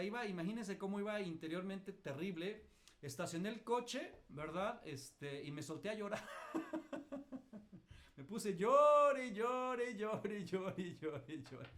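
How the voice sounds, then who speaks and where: A middle-aged Mexican man, a pastor teaching a class, telling self-mocking stories in a colloquial way. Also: sits high. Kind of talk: lively teaching with personal anecdotes.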